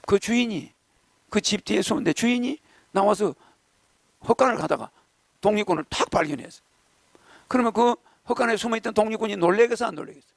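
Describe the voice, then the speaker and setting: An older man lecturing to followers, reciting poetry slowly and then talking in a lively way with rhetorical questions, acting out what people say. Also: sits high, creaky, no echo. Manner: lively, rhetorical questions, acts out crowds and politicians. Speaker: speaker addressing followers. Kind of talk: lecture to an audience.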